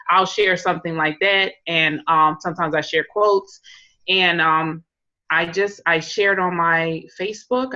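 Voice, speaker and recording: A woman's voice: lowish voice, pushed and bright. Rambling woman, lo-fi call audio. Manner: rambling, many fillers like "like" and "um". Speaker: direct sales consultant. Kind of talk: casual call sharing tips.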